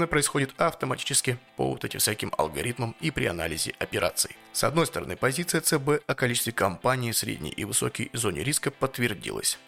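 A male host delivers news commentary at a quick clip, his pitch moving in animated swings. He sounds informal and conversational, dropping in casual asides as he explains. Faint music plays underneath. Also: gravelly. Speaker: podcast host presenting business news.

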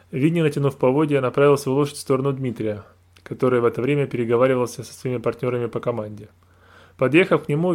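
A man narrating a novel aloud in a calm, measured reading voice. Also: medium pitch. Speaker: audiobook narrator. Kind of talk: scripted narration.

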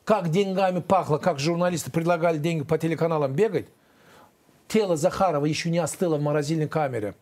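A man's voice pitched a little above the usual sits at the center of a studio interview. He talks as a former defense lawyer defending himself, emphatic and aggrieved. He rambles, and he breaks off and restarts his sentences often. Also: quick pace, darkish tone. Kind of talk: interview answers.

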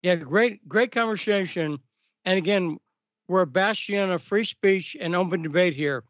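High-pitched male talk radio host. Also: normal speed, dry recording. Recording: dry, muffled audio.

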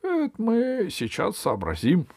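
A man's voice: high voice, wildly swooping pitch, unhurried, creaky, darkish tone, husky, no room sound, voice pushed up, exaggerated voice. A man reading an audiobook voices a good-natured many-headed dragon who talks in a folksy, chatty way.

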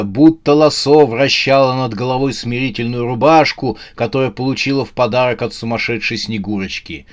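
Male storyteller, playful and lively, middle pitch, audiobook reading. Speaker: narrator. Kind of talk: scripted audiobook narration.

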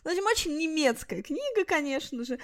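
A woman in her thirties co-hosting a casual podcast, telling stories with animated swings in her voice. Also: a little fast. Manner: animated storytelling, lively pitch swings. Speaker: podcast co-host. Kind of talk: casual chat about children's books.

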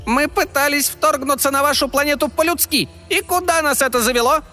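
Kolokolchik, a shrill fairy. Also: male voice, expressive, moderate pace, bright, forceful tone, soft background music, full character voice. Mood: indignant. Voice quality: piercing falsetto. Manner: irritable, squeaky boasting. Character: shrill cocky little male fairy, quick-tempered. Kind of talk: audiobook character voice.

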